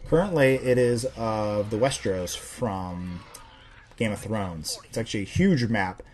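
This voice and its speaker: A man's voice: lowish voice, unhurried, a little mellow, slight background noise. A young man in his twenties hosting a casual Q&A, rambling and swearing freely as he answers viewer questions. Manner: rambling, profane, self-deprecating ranting. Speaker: host of a viewer Q&A show.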